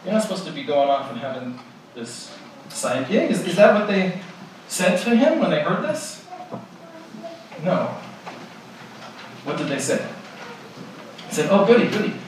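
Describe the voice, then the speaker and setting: A man's voice: on the high side, sing-song, unhurried, pauses often. A man preaching a sermon in a conversational way, posing rhetorical questions to his listeners. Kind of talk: expository sermon. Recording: echoey hall, distant mic, background noise.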